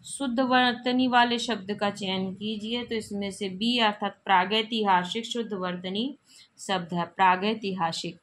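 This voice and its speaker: In a mid-range, slightly bright voice with fairly even intonation, a woman teacher goes at a measured pace through Hindi exam-prep spelling questions. She reads each one, explains which form is right, and plainly repeats the correct forms. A bit of hiss or hum is audible.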